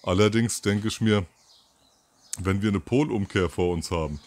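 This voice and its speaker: Out by a garden, a fifties-aged commentary host rambles on his own, full of fillers and self-corrections, into a mic with a furry windscreen placed near the camera. His pitch is fairly low, his tone darkish, and his speed normal.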